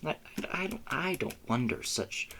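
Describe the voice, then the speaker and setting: A man's voice: mid-range voice, sing-song, moderate pace, vocal fry, noisy background. A young man giving rambling, self-mocking commentary while playing a game, with frequent cursing and yelped "oh no"s. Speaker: gamer recording a let's play.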